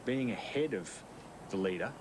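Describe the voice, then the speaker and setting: A man's voice: lowish voice, expressive, moderate pace, noisy background. A man giving explanatory, analytical live golf commentary.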